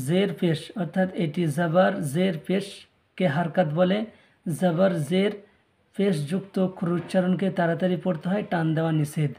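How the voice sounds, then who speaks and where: A man with a Bangladeshi Bengali accent, teaching a Quran reading lesson, patiently repeating each syllable and slowing down to drill letters. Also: high voice, creaky, darkish tone. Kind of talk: step-by-step recitation lesson.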